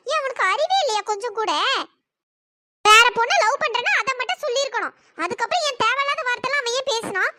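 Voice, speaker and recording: A woman's voice: animated, fast, sharp tone, full character voice. [name], a woman doing a fiery, scolding best friend. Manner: scolding, brash and blunt. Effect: pitch-raised voice. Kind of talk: cartoon story voice acting.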